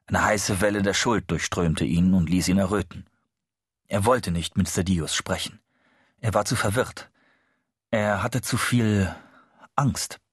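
Deep-voiced husky male narrator. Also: a little slow, pauses often, dry recording, studio quality. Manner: steady, expressive storytelling. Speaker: audiobook narrator. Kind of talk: scripted narration.

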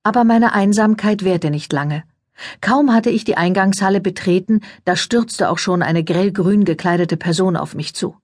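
A woman reading an audiobook in calm, measured first-person narration. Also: mid-range voice, no room sound, clean studio sound.

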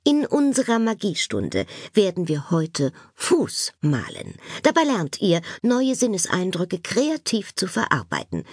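A woman's voice: lowish voice, wildly swooping pitch, unhurried, few pauses, breathy edge, no echo, clean studio sound, exaggerated voice. A woman reading an audiobook, voicing a strict but kindly female schoolteacher who lays down rules firmly. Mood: instructive. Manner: firm, instructive. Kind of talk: audiobook character voice.

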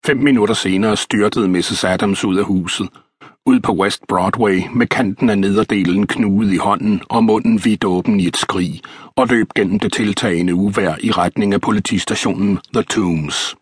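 A man reading a historical novel as an audiobook narrator, in a measured, even storytelling manner. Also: on the low side, slightly rough, no room sound, clean studio sound.

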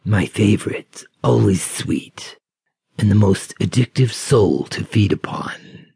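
A man voicing a sinister cloaked creature that feeds on souls, speaking in a low, lisping voice with slow, hissing menace in an audiobook. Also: gravelly, darkish tone, husky, no echo, clean studio sound, full character voice. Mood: menacing. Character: sinister cloaked male soul-devouring creature. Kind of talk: audiobook character voice.

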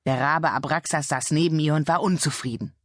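A woman narrating a children's audiobook in a lively, expressive storytelling manner. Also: low-pitched, fairly quick, dry recording, studio quality.

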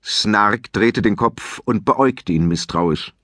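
A man reading a children's audiobook aloud with expressive, scripted storytelling narration. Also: lowish voice, takes it slowly, no echo, clean studio sound. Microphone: close studio mic.

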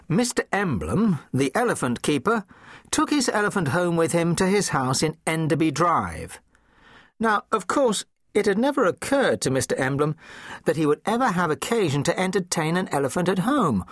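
A man narrating a children's storybook in an expressive, playful way. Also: on the high side, moderate pace, dry recording, clean studio sound. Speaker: audiobook narrator.

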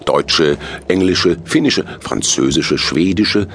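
A man's voice: deep voice, slow pace, a little hiss or hum. A man voicing a fat, jolly and bossy Santa Claus who grumbles and gives orders in a children's storybook. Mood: hearty. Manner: hearty, grumbling, commanding.

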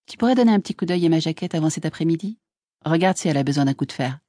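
A woman reading an audiobook voices a young brother who talks quickly and warmly. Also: fairly low pitch, no room sound, clean studio sound, close to an everyday voice. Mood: hurried. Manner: quick, warm. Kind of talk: audiobook character voice.

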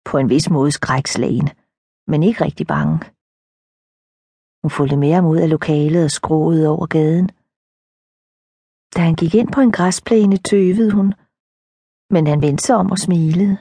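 A woman narrating an audiobook in a soft, measured reading style. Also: fairly low pitch, slightly rough, no echo, clean studio sound.

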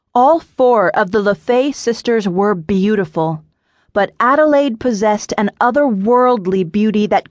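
A woman with a mid-range voice narrates an audiobook in a measured, even storytelling style, captured in a dry recording.

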